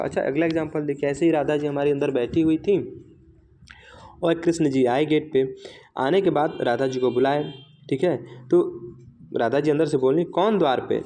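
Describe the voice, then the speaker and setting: A male teacher giving a fast exam revision lecture, asking questions and answering them himself, often checking with "right?", and slowing down to recite example lines. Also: fairly high pitch, warm tone.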